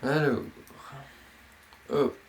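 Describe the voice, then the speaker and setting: A man casually presenting and unboxing a box of fishing lures, pausing often with fillers. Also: mid-range voice, steady tone, creaky, slight background noise. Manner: slow, hesitant, many fillers. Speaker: fishing vlogger.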